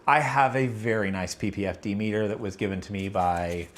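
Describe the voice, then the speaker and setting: A man's voice: fairly low pitch, fairly even intonation, a little fast, fairly bright tone. A man hosting a casual livestream Q&A, rambling with lots of fillers and restarts, fighting allergies. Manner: rambling, filler-heavy, self-correcting. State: allergies, about to sneeze. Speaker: livestream host answering chat.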